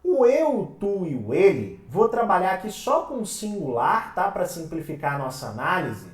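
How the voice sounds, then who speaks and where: A woman's voice: on the low side, very animated, moderate pace. A woman with a Brazilian Portuguese accent giving an exam-prep lecture, asking her class questions and answering them herself. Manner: calls the listeners "minha gente". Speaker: teacher. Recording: roomy sound from a distant mic.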